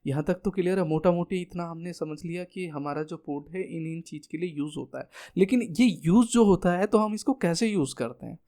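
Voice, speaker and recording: A man's voice: on the high side, fairly quick, hardly any pauses, dark tone. A man with an Indian accent tutoring students through an exam answer on screen, asking himself questions and answering them. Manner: asks himself questions and answers them, calls listeners friend. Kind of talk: screen-share exam lesson.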